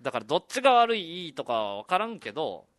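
A man's voice: a little high, big pitch swings, quick pace, a bit bright. Easygoing radio co-host man. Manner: easygoing, frequent agreeing backchannels. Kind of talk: casual radio chat, reading listener messages.

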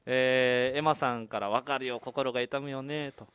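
A man's voice: mid-range voice, fairly even intonation, moderate pace, a bit bright, clear, resonant tone, no room sound, studio quality. A man co-hosting a casual radio chat, easygoing, reading listener messages and agreeing often. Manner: easygoing, frequent agreeing backchannels. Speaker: radio show co-host.

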